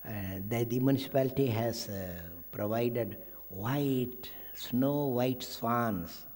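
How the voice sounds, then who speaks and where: A man delivers a spiritual sermon at a very slow, deliberate pace, weaving anecdotes between Sanskrit verses. His voice sits at a mid pitch for a man. It rings out with a long reverb through a large hall. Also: darkish tone. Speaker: swami giving a spiritual discourse. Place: ashram discourse hall. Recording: echoey hall.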